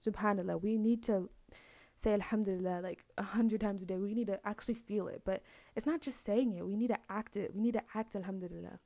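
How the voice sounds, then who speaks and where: A woman's voice: medium pitch, steady tone, fairly quick, dark tone, dry recording. A woman hosting a podcast, giving a casual, earnest religious talk that repeats its points. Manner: earnest, repetitive, conversational. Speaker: podcast host.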